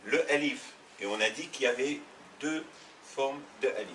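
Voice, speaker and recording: A man teaching letters in a slow, patient classroom manner, spelling out each sound. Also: medium pitch, fairly bright tone, slight background noise. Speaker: Arabic teacher. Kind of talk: classroom lesson. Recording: roomy sound from a distant mic.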